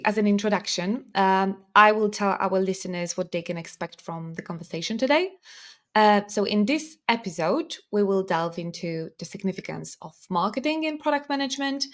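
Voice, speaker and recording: A woman hosting a podcast, introducing the show and asking a guest questions in a friendly, chatty way with many fillers. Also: mid-range voice. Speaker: podcast host. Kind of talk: podcast interviewing.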